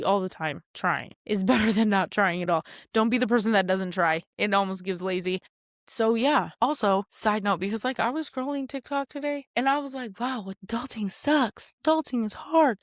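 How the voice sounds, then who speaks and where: A woman in her late twenties hosting a podcast alone, in a chatty, animated manner full of asides. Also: no room sound, clean studio sound. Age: 20s. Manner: chatty, animated, frequent asides and jumps in pitch. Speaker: podcast host. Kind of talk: casual solo podcast monologue.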